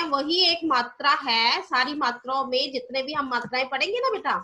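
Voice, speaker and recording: A woman teaching young children in an online class, patiently repeating each point, checking in often and sounding out syllables slowly for them to repeat. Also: high-pitched, sharp tone. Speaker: primary school teacher.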